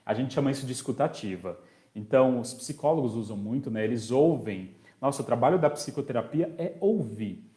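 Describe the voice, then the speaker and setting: Mellow-voiced male teacher in an echoey room. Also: medium pitch, animated, fairly quick. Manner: conversational, reads out viewer comments and answers them; checks in often with tag questions. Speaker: special education teacher. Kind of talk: online parenting course.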